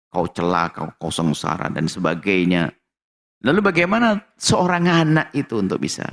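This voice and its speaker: A man answering a question in a lively preaching style, acting out quoted speech. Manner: lively, shifts pitch widely, acts out quoted lines.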